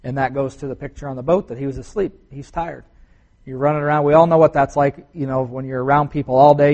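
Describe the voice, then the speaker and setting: A man preaching a relaxed sermon in a church, talking to his listeners like a friend. His voice sits at an ordinary middle pitch, and he speaks casually, with fillers and restarts throughout.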